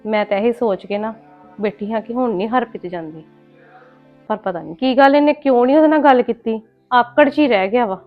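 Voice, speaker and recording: A woman acting as an aunt in a scripted family drama, scolding and emotional, her voice rising loud when upset. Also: fairly high pitch, brisk, narrow, tinny audio, soft background music.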